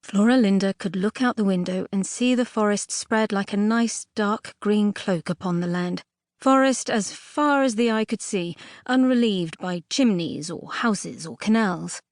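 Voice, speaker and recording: This audiobook narrator, a woman of average pitch, tells a fairy tale with expressive, faintly arch delivery, dramatic emphasis and well-placed pauses. It's captured as a very dry, close studio recording.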